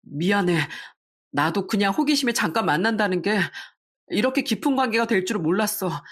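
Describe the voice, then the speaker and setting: A woman's voice: medium pitch, expressive, brisk, husky. Woman reading a sorry cheating husband, pleading, plain mid voice. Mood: guilty pleading. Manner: apologetic, pleading. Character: guilty pleading husband, middle-aged.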